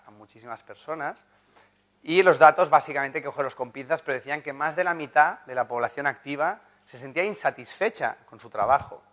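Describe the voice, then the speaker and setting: Animated man giving a conference talk. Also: a little high. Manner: animated, anecdotal, joking with the audience. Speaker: conference speaker, journalist and writer. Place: conference hall.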